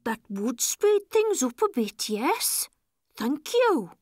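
A woman playing a polite, resigned cartoon tortoise with a measured delivery. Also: sits high, sing-song, darkish tone, no room sound, clean studio sound, full character voice. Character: Taloo, polite gloomy slow cartoon tortoise.

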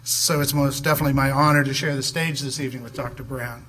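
A man in his fifties reading a measured, formal introduction from a podium in a large hall. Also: mid-range voice, steady tone, sharp tone, slight background noise. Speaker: event host introducing the speaker. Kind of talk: prepared introduction. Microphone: podium mic.

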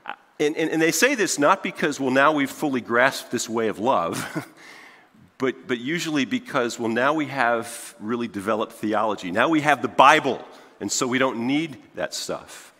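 A middle-aged man preaching in a church sanctuary, his bright voice swinging widely in pitch as he paces and gestures. He talks in a loose, conversational way, restarting phrases and tossing "right?" to the congregation. A long hall reverb trails every line. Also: normal speed. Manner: animated, conversational, frequent restarts and "right?" asides. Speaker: pastor. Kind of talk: sermon.

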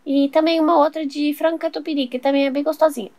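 A woman's voice: high-pitched, level tone, quick pace, a little mellow, dry recording. A woman voicing a chatty, pushy little girl in a toy doll soap opera.

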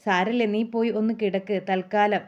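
A woman voicing a caring older neighbour who soothes and gently scolds a younger friend. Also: mid-range voice, steady tone, normal speed, close to an everyday voice. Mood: motherly concern. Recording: muffled lo-fi.

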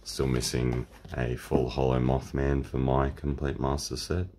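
An Australian man hosting a casual card-opening video, talking in a relaxed, rambling way through a croaky voice. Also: very deep voice, a little slow, slight background noise. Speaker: channel host. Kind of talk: casual unboxing chat.

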